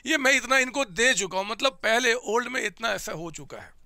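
A high, very bright male voice carries this classroom lecture, recorded close and dry. The teacher, in his thirties, is animated, asks his students questions and often answers them himself. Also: fairly quick, dry recording. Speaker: commerce teacher. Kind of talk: classroom lecture with home examples.

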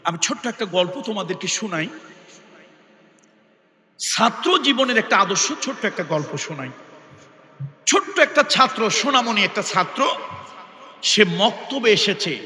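A male preacher delivers an emphatic sermon, repeating key phrases and firing questions at his listeners. His voice sits very high and sounds sharp and piercing. A long echo hangs behind him, as in a large hall. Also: animated, moderate pace, long pauses. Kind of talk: Islamic sermon. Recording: echoey hall.

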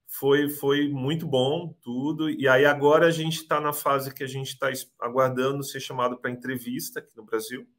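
A Brazilian man in his thirties, chatting casually on a video call with a middle-pitched voice. He talks in a hesitant, halting way, restarting phrases and tagging questions onto his sentences. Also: steady tone, a bit bright. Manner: hesitant, repeats words, many "né" tags. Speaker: interviewee, immigration client.

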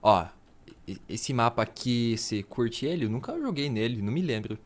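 Laid-back Brazilian gamer, slangy banter. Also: male voice, mid-range voice, moderate pace. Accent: Brazilian Portuguese. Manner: relaxed slangy banter, bursts of surprise. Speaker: gaming channel host. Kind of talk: casual gaming chat.

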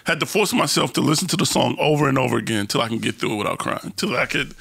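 This time the host talks fast with vocal fry, his medium-pitched voice expressive and a little bright. The interview stays loose and personal, full of slang, candor, self-mockery, and phrases repeated as he gropes for the right word.

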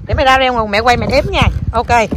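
A woman's voice: fairly high pitch, fast, noisy background. A woman coaxing and cheering her child on outdoors by a river, filming on her phone. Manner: coaxing, encouraging, counts aloud. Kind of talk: casual family vlog. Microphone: phone camera held by the speaker.

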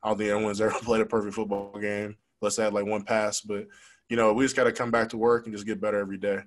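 Poor audio captures a young college football player at a post-game press conference, answering reporters through a desk mic on a stand in front of a logo backdrop. He speaks in a lowish voice that barely moves in pitch. His manner is frank and rapid, casual and heavy on fillers.

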